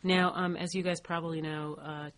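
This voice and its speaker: A woman's voice: lowish voice, level tone, moderate pace, a little hiss or hum. A woman co-hosting a podcast, chatting casually and enthusiastically in an agreeable, conversational interviewing manner. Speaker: podcast co-host.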